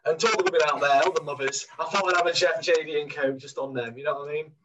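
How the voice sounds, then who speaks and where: A man's voice: fairly high pitch, fairly even intonation, rapid-fire, crowd noise. Cheeky Mancunian man on a distant mic. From Manchester. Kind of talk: casual podcast chat.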